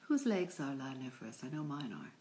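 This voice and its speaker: This middle-aged woman's voice swings widely in pitch and moves a little fast as she hosts a phone-recorded live stream from her home. She chats playfully, reads strange words out of a book, and sometimes sinks to a whisper or rises into high exclaims.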